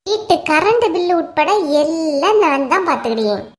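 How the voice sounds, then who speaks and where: A woman voicing a shrill, grumbling sister-in-law. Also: sing-song, normal speed, heavily acted. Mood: aggrieved. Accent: Kanyakumari Tamil. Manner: complaining, listing grievances. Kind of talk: cartoon story voice acting.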